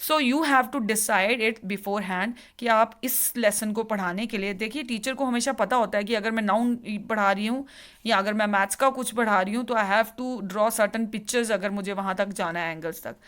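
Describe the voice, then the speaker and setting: A woman teacher educator giving a lecture on lesson planning, explaining step by step in a mix of Hindi and English with frequent pauses. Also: medium pitch, a bit bright. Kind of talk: classroom lecture.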